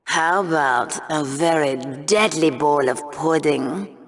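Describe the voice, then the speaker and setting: An actress voices a cruel, sarcastic female co-host of a game show in a video game, delivering scornful scripted arena commentary. Her voice is deep, and she takes her time.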